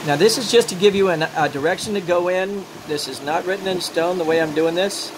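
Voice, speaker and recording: Toothless man with higher voice over loud noise. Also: fairly quick. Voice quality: toothless, slightly mushy articulation without dentures. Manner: rambling, talks himself through each step. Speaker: glassworking instructor. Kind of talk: informal hands-on demonstration. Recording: loud steady torch or engine-like noise.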